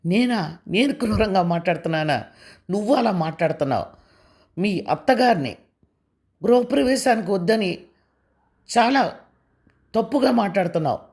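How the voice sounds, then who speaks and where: A woman's voice: medium pitch, expressive, moderate pace, long pauses, a little mellow, voice pushed up, natural voice. A woman voicing a long-patient young husband who speaks firmly and insistently. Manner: firm and insistent.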